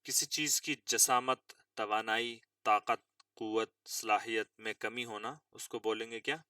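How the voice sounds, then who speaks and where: Bright-voiced male English tutor, far from mic. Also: fairly low pitch, fairly even intonation, dry recording. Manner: slow drawn-out reading of English phrases, spells words aloud. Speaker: English teacher. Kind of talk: vocabulary lesson explaining English news words.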